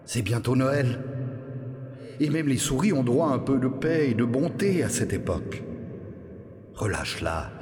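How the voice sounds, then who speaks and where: A man voicing a gentle, kind young prisoner in a storybook, speaking softly and pleadingly. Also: medium pitch, animated, unhurried, long pauses, reverberant, in a large hall, pitched above the performer's own voice, natural voice.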